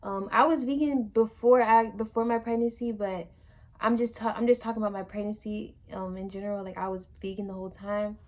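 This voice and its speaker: A woman's voice: mid-range voice, fairly even intonation, brisk, darkish tone. Chatty young woman vlogging. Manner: chatty, rambling, many fillers and restarts. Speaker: vlogger, new mother. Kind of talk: casual chat to camera.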